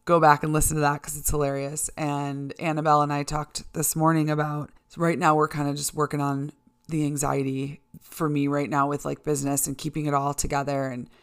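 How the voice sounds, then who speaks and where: A low-voiced, middle-aged American woman runs her podcast by herself, addressing listeners in an open, casual monologue sprinkled with a swear word or two. She sounds smooth and brisk, with little movement in pitch.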